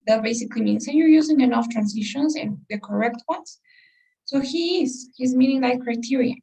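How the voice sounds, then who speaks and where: A woman's voice: a little high, normal speed, vocal fry, warm tone, slightly rough, far from the mic, rough recording. A woman teaching an English test-prep class, explaining step by step and putting questions to her students. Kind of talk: class lesson.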